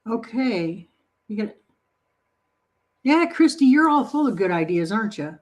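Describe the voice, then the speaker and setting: A woman's voice: a little high, very animated, moderate pace. Casual woman host on a home baking stream, friendly chat with viewers, encouraging and playful. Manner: chatty, reads and answers viewer comments.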